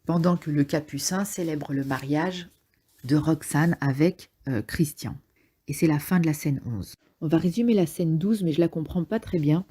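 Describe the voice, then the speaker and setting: A woman's voice: low-pitched, normal speed, warm tone, slightly rough. A woman casually summarizing a play aloud, hesitant and thinking as she goes, with frequent fillers. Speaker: literature summarizer.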